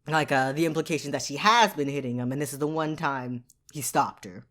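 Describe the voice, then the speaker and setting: Animated woman ranting with quick laughs. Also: sits low. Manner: animated, laughs often, speeds up when ranting. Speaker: podcast co-host. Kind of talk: casual chat.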